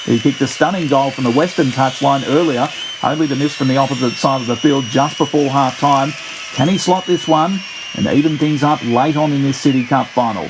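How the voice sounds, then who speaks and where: A man's voice: mid-range voice, fairly quick, noisy background. A man commentating on a rugby match play-by-play in the formal, descriptive style of an old-time radio sports announcer. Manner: formal, descriptive play-by-play that builds to excited calls.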